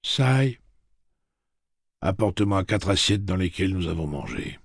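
A man voicing a stern gunslinger who speaks softly but with command. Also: low-pitched, animated, measured pace, no room sound, studio quality, voice pushed up, full character voice. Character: stern, quiet male gunslinger leader.

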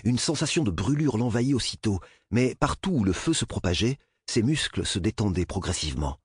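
A man reading a novel aloud as narrator, with an expressive, dramatic delivery on a close studio mic. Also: lowish voice, brisk, husky, no room sound. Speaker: audiobook narrator. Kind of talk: scripted narration.

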